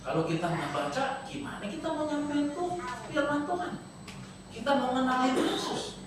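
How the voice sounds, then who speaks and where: A male pastor preaches in a chatty, storytelling manner, shifting quickly between narration and scripture. His voice carries from a distance across a huge, ringing church hall. Steady noise sits under the sound. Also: very high voice. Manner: lively, conversational, animated storytelling. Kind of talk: sermon with storytelling. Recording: echoey church hall from far off.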